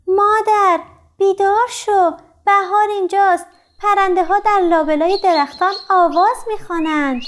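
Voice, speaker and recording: A woman voicing an eager little bear cub who calls out excitedly in a high voice.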